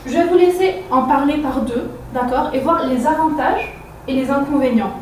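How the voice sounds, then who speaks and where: A woman's voice: sits high, moderate pace, darkish tone. A woman teaching a French class who keeps checking that her students follow with "okay?". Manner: checks understanding with frequent "d'accord?" and "ok?". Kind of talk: leading a classroom lesson. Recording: far-off echoey classroom with background noise.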